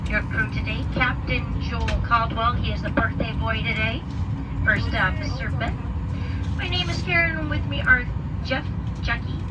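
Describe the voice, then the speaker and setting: A woman's voice: on the high side, measured pace, distant mic. A woman flight attendant reading a scripted safety announcement in a formal, instructional way. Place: aircraft cabin. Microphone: cabin PA picked up from a distance. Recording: muffled cabin PA, loud aircraft noise.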